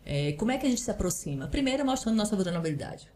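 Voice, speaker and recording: A woman speaks as a parental counselor on a podcast, and her voice sits at an ordinary middle pitch. She explains earnestly, advising and often tagging her sentences with a quick question. A faint background hum runs under her talk. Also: big pitch swings, warm tone. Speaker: parental counselor and psychoanalyst guest.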